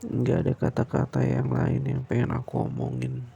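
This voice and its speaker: A man doing a soft, soothing bedtime boyfriend roleplay in a close, intimate way, sometimes slipping into a breathy whisper. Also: rumbling low, sing-song, normal speed, muffled recording, a little hiss or hum.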